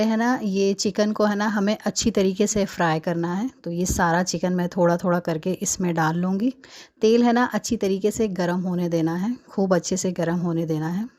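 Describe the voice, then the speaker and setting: Woman, 30s, home kitchen, chatty cooking narration, mid-pitched voice. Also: a little mellow. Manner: chatty, many fillers like "hai na". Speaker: cooking vlogger.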